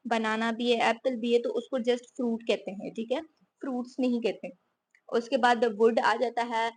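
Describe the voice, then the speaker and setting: Woman explaining grammar, higher voice. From Pakistan. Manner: explains with repeated "theek hai" and rhetorical questions. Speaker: teacher explaining English grammar. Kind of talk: casual spoken lecture.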